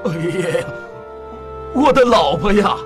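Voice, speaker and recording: A woman's voice: medium pitch, sing-song, a little slow, soft background music. A woman doing a meek fretful fisherman. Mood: pleading. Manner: hesitant, pleading, full of sighs and fillers. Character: meek, worried old fisherman.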